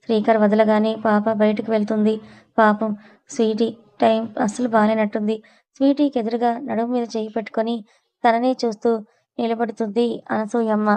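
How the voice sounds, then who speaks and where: A woman reading a serialized audio story in a steady, measured way. Her voice is slightly high and mellow, with little rise and fall. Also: low-quality recording.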